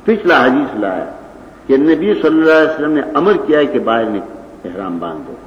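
A man's voice: mid-range voice, very animated, slight background noise. Older man lecturing in an echoey hall. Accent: Pashtun-accented Urdu. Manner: didactic, argumentative, quotes Arabic texts. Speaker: Quran and hadith teacher. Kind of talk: religious lecture. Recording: echoey hall, dull lo-fi old recording.

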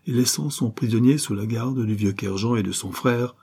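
A man narrating a serialized novel as an audiobook in a measured, solemn reading. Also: medium pitch, a little mellow, slightly rough.

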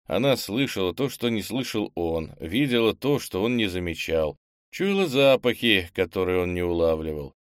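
A man narrating a novel as an audiobook in calm, even storytelling. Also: low-pitched, moderate pace, clean tone, dry recording, studio quality. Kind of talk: scripted narration.

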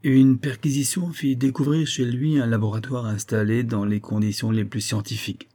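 A man reading a novel aloud as an audiobook narrator, steady and expressive. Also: mid-range voice, normal speed. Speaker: audiobook reader. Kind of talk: scripted narration.

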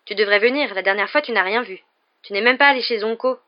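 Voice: mid-range voice, fast, lo-fi sound, pitched above the performer's own voice, lightly acted. A reader voicing a hot-tempered teenage boy wizard in a raised, heated voice. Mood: eager.

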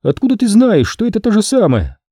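A man's voice: high voice, huge pitch swings, fairly quick, dark tone, breathy edge, dry recording, studio quality, pitched above the performer's own voice, heavily acted. A man voicing a practical, firm but kindly mother in an audiobook story.

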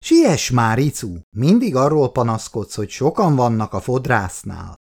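A man voicing a brisk, matter-of-fact middle-aged father in a reading. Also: medium pitch, sing-song, vocal fry.

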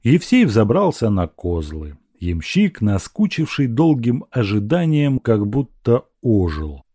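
A man narrating a classic novel as an audiobook, with expressive storytelling. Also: on the low side, takes it slowly, no echo, studio quality. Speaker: audiobook reader.

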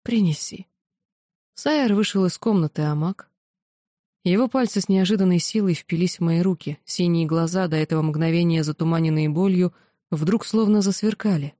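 A woman narrating a first-person audiobook in a steady, measured way. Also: on the low side, no echo, clean studio sound.

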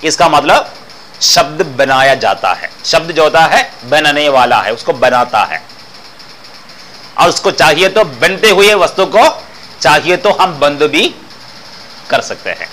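A man's voice: on the high side, lively intonation, slow pace, pauses often, pushed and bright, a little hiss or hum, poor audio. A man teaching philosophy in an explanatory lecture style, repeating phrases and asking rhetorical questions.

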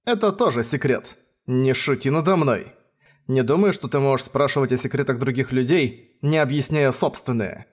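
A man's voice: mid-range voice, moderate pace, lightly acted. A proud young king, read by a man, speaks sharply and makes demands. He sounds indignant, as in a fantasy audiobook reading.

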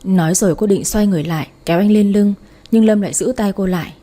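Warm, breathy woman narrating a romance story. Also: mid-range voice, fast talker. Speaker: audiobook narrator.

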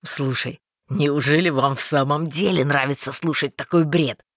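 A woman's voice: deep voice, steady tone, moderate pace, no echo, clean studio sound, pitched below the performer's own voice. A woman reading aloud and voicing a cocky, self-assured young male wizard with a smug, offhand manner.

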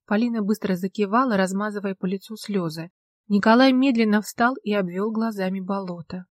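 A woman reading a story aloud in measured, scripted narration. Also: mid-range voice, dry recording, clean studio sound. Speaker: audiobook narrator.

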